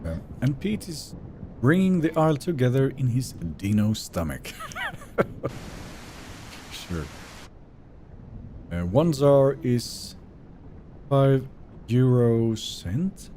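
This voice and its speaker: A Finnish-speaking man from Sweden chats casually while live-streaming a game, reading out messages from viewers. His medium-pitched voice has a sing-song lilt and a slow pace with long pauses, and there's noise in the background.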